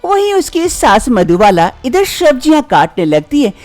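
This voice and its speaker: Expressive man narrating a cartoon story. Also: very high-pitched, normal speed, dry recording, soft background music.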